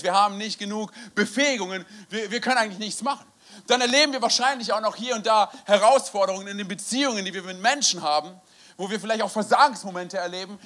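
A young man preaching a lively storytelling sermon, animated and laughing often, often dropping in "hey". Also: sits high. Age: young adult.

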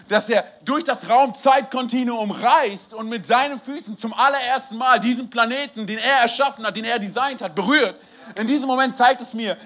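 A young man preaching a lively storytelling sermon, animated and laughing often, often dropping in "hey". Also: high voice. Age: young adult.

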